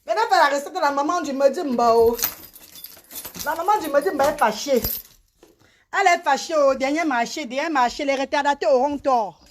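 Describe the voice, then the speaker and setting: High-pitched woman hawking wares. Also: a little fast, a little hiss or hum. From Cameroon. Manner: loud, sing-song sales calls, chatty asides to commenters. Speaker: online seller on a live stream. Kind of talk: casual live-stream sales chat.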